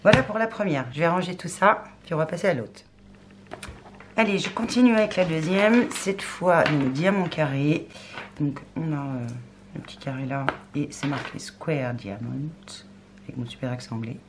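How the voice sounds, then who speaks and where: A woman hosting a crafts unboxing video, chatting casually and thinking aloud, often murmuring softly. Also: low voice, moderate pace. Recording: clear background noise.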